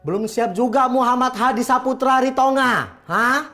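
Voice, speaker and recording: A woman with a Medan accent playing a sharp-tongued, bossy middle-aged woman who scolds and complains bluntly. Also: high-pitched, normal speed, soft background music. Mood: irritated. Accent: Medan Indonesian. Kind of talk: comedy web drama acting.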